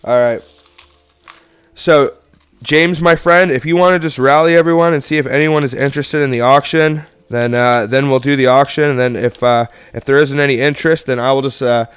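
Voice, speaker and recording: A man's voice: mid-range voice, steady tone, moderate pace, smooth. A young man from Canada hosting a coin roll hunting livestream, chatting casually and rambling to viewers as he sorts coins. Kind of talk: casual live-stream chat while sorting coins.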